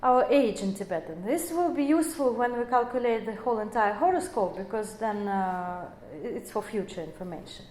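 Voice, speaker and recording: A woman's voice: a little high, lively intonation, normal speed, few pauses, a little mellow. Woman lecturing with phrasing. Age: 40s. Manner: non-native phrasing, many fillers and self-corrections. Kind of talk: explanatory lecture. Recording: echoey room.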